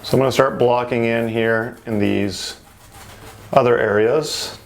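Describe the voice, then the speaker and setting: A man gives an informal painting lesson like a TV painting instructor, talking through every step as he works. His mid-range voice is steady, a little slow and creaky, and there's a bit of hiss or hum in the recording.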